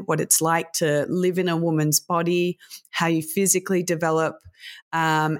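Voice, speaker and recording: Measured woman guest with a low voice. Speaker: guest, sex tech consultant. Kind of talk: interview answers.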